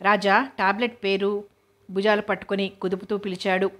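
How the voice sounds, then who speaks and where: A woman reading a novel aloud, narrating in a steady, even way. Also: mid-range voice, normal speed. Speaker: novel reader.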